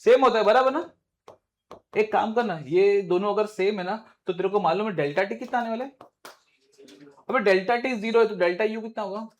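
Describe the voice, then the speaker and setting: A male physics teacher. He lectures briskly and fires questions at his students. His tone is informal and direct, like a coaching-class teacher. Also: high-pitched.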